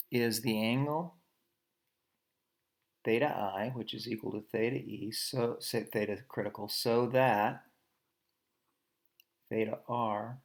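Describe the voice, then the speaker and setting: A man teaching a physics lesson while drawing diagrams, talking conversationally, often saying "okay" and quickly correcting himself. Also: lowish voice, gravelly.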